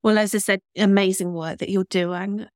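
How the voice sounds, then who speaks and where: A woman's voice: mid-range voice, steady tone, moderate pace, no echo, clean studio sound. A woman hosting an interview podcast, chatty and encouraging toward her guest. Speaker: podcast host.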